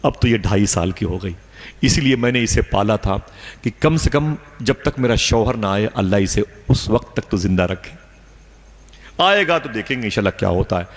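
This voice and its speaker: A man's voice: lowish voice, animated, moderate pace, long reverb tail, lightly acted. A man voicing a grieving young mother who pleads for her daughter's life, in a plain storytelling voice. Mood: pleading.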